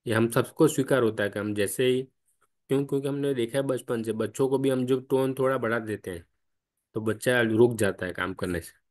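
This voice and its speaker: A man's voice: mid-range voice, fairly quick. A man guiding a spiritual study group online, explaining patiently step by step and asking questions as he goes. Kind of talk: spiritual discussion. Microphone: online call.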